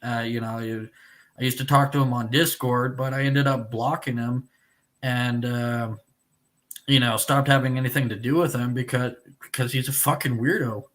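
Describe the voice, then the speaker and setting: A man hosting a live stream, chatting casually and bluntly with a guest, swearing often and filling pauses with "uh". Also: medium pitch, fairly even intonation, fairly bright tone. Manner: blunt and profane, with frequent filler words. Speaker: livestream show host.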